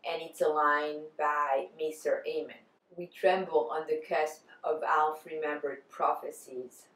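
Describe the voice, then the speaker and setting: A woman vlogger giving semi-scripted talk to camera in an articulate, bookish way. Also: low voice. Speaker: vlogger answering fan tag questions. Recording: echoey room.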